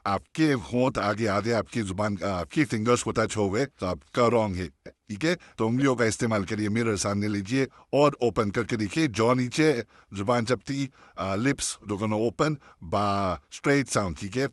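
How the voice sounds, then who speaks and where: A man teaching an online pronunciation class, patiently explaining and repeating each sound slowly so students can practice. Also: lowish voice, dry recording, clean studio sound. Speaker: Tajweed teacher.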